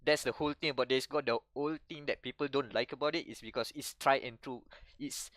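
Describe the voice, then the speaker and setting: A young man with a Malaysian English accent, co-hosting a casual podcast chat, rambling and animated with frequent restarts. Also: medium pitch, fast talker, no echo. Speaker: podcast co-host.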